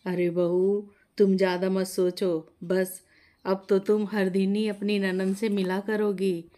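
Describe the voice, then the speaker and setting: A woman's voice: medium pitch, level tone, slow, warm tone, lightly acted. A woman voicing a good-natured, middle-aged mother-in-law in a family story. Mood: amused.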